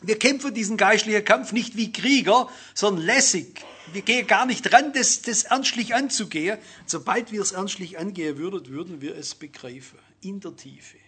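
High, bright, husky-voiced man preaching. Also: moderate pace, few pauses. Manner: earnest, addresses listeners directly with rhetorical questions. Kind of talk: sermon.

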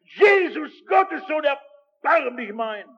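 A preacher putting on a shrieking blind beggar. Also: male voice, extremely high pitch, lively intonation, slow, gravelly, muffled recording, voice pushed up, heavily acted. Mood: desperate shouting. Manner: shouting, pleading. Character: desperate blind male beggar crying out.

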